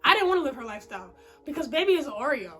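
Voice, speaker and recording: A young woman vlogging straight to camera, her voice high-pitched and bright. She talks bluntly and animatedly in heavy slang, swearing freely. Faint music plays behind her. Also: big pitch swings, rapid-fire. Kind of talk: casual storytime vlog.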